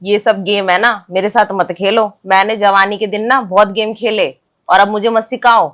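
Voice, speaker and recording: A woman playing a young wife who confronts her cheating husband with sharp, sarcastic accusations in a comic family skit. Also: mid-range voice, steady tone, normal speed, natural voice. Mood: accusing.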